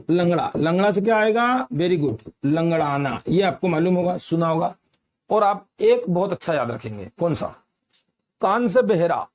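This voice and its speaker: A man's voice: high voice, a little mellow. A man from Uttar Pradesh teaching Hindi grammar at a board, quizzing students and calling them beta. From Uttar Pradesh, India. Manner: addresses students as beta, repeats quiz questions.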